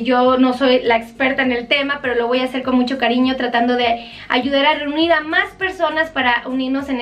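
A woman doctor with a Mexican accent speaks in a high, bright voice, earnestly pleading with viewers as she gives health advice on a live stream. She sits a bit back from the microphone, so her voice sounds slightly distant.

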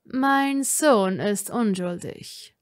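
A woman voicing a cold aristocratic father who speaks calmly and measuredly, with quiet threat. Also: mid-range voice. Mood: cool. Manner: calm, measured, coolly threatening. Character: cold aristocratic older father, calm and controlled.

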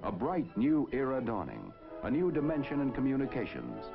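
A man's voice: mid-range voice, huge pitch swings, moderate pace, vocal fry. 1950s broadcast man, lo-fi with music. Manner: stately, declamatory announcer delivery. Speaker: narrator. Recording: dull lo-fi 1950s film soundtrack with music.

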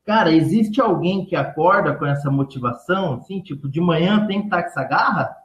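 Relaxed man, roomy dull sound. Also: a little high, fairly quick. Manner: relaxed, many fillers, trails off at phrase ends. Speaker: entrepreneurship teacher and speaker, guest. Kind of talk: casual interview answers.

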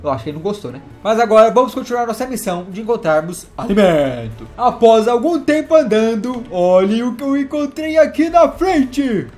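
A man hosting a gaming video, narrating in character as his dinosaur with an excitable, theatrical delivery. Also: very high-pitched, brisk, hardly any pauses, soft background music. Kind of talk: role-played game narration.

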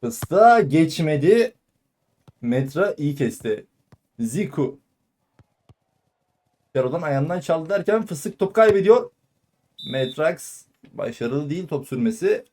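A man giving live football play-by-play in clipped phrases, calling out player names and shouting excitedly at goals and shots. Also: fairly high pitch, slow, long pauses. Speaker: football commentator. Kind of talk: live play-by-play match commentary.

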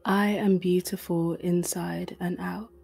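This is scripted narration for a guided meditation, read by a woman whose hushed, breathy delivery stays very slow and level in pitch. Gentle music sits behind her calming words.

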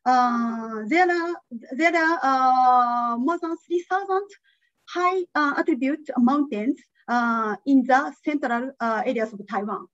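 A non-native English-speaking woman presents at an online academic conference over video call from an indoor room, filling her talk with hesitant fillers. Her voice sits high with a fairly bright tone and a slow pace. The recording has no room sound, and the highs are cut off.

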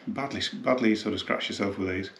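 A man's voice: on the low side, brisk, a bit bright, roomy sound. A man who runs a hi-fi shop, chatting casually while he unboxes gear, thinking aloud, sometimes drifting off the mic. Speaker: hi-fi dealer. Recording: noisy room tone with clicks.

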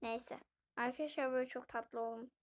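A woman's voice: on the high side, fairly even intonation, fairly quick. A woman casually narrating her play of a life-sim game, chatting to her viewers as she goes. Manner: chatty, keeps addressing viewers directly. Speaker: gaming video host.

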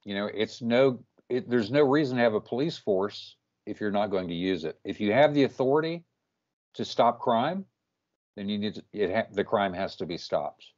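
Man, interview host, low voice, firm, emphatic, muffled lo-fi sound. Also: expressive, moderate pace, a little mellow. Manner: firm, emphatic, keeps saying "you know what". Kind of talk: casual interview. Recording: muffled lo-fi call audio.

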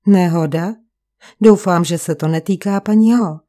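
A woman's natural voice, on the low side and dark in tone, voices a frail, refined painter around thirty in an audiobook. The character comes across as resigned and cultured.

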